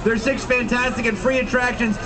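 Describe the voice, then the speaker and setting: A man's voice: very high voice, fairly even intonation, a little fast. A man working a crowd as a sword-swallower sideshow barker, with theatrical, emphatic showman's patter. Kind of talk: live sideshow pitch to a street crowd. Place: busy street outside an attraction, later its lobby. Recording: distant mic, crowd around.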